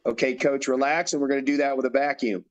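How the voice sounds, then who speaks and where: A man's voice: medium pitch, steady tone, fast. A man coaching a bodybuilder through posing routines, giving directions and repeating his cues. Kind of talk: instructional demonstration.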